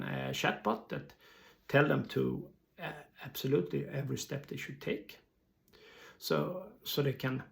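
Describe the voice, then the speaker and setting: Speaking English as a second language, a man from Sweden explains business matters informally, his phrasing halting and hesitant. His voice sits in the mid-range with noticeable vocal fry.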